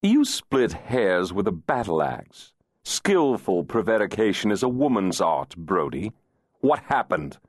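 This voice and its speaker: A man's voice: fairly low pitch, sing-song, measured pace, breathy edge, dry recording, studio quality, heavily acted. A man voicing an insolent, teasing male fairy nobleman in an audiobook, with a purring, mocking, theatrical manner. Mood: pressing. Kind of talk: audiobook character voice.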